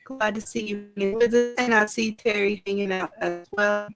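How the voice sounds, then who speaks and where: A woman co-hosting a casual live-stream chat, giving laid-back, friendly shout-outs to viewers. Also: mid-range voice, steady tone, moderate pace, loud music behind the voice. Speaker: co-host.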